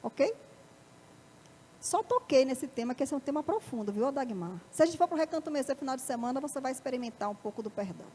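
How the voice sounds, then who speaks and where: A woman with a high voice and a Brazilian Portuguese accent gives a motivational lecture to a live audience in a parish auditorium. She keeps checking in with rhetorical questions. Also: sing-song, fast talker, warm tone, slight background noise.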